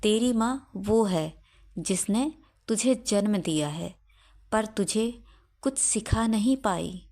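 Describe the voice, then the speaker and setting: A woman's voice: mid-range voice, slow, mellow. A woman voicing an angry, stubborn elderly mother-in-law who scolds and insists. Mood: scolding.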